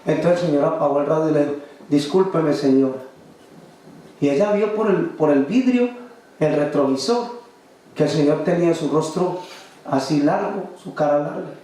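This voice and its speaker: A man's voice: a little high, expressive, normal speed, dark tone. A man preaching a sermon as a story, asking the congregation questions and acting out the people in it. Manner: asks the congregation rhetorical questions; acts out the people in his story. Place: large church hall. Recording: very echoey hall from far off, faint music.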